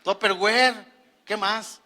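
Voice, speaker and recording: A man preaches, his voice pitched very high and ringing bright. He mixes jokes with the congregation into his sermon and pushes key lines up to near-shouts. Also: fairly even intonation, slow, slight background noise. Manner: preaching with humor, acting out quoted prayers. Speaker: pastor. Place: church.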